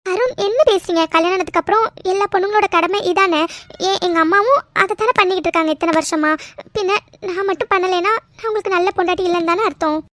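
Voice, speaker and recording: Brief: a performer playing a guilt-ridden young doctor wife in a cartoon, very high-pitched, close and dry. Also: quick pace, no room sound. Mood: indignant. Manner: pleading, soft-spoken.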